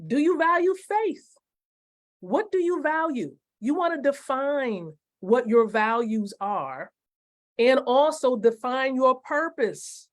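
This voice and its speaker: A woman in her forties gives a motivational lesson on a live stream. Her voice sits a little high, and she stresses key phrases by repeating them slowly. She keeps asking her viewers questions. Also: very animated. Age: 40s. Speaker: network marketing coach.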